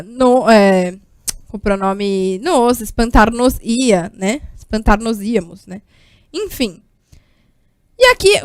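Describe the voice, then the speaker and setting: A woman's voice: sits high, no echo. A Brazilian woman teaching Portuguese grammar at a board, explaining step by step and checking in often with her students. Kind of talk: whiteboard grammar lesson.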